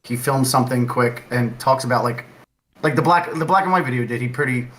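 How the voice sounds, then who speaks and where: A man's voice: mid-range voice, a little fast, fairly bright tone, poor audio. A man talking as a podcast guest in casual chat, rambling with lots of "like" and restarts. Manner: rambling, heavy use of "like" and restarts.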